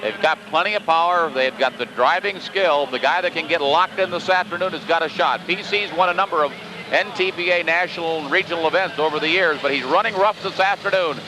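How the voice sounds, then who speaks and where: American male tractor pull announcer, folksy and excitable, raised pitch, over loud engine and arena noise on old TV audio. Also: a little fast. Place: indoor dirt arena event.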